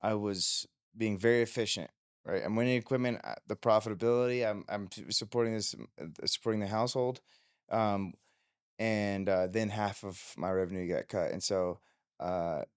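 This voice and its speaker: A man's voice: on the low side, moderate pace, clean tone, no echo, clean studio sound. A man hosting a podcast interview, talking casually with many restarts and fillers. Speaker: podcast host.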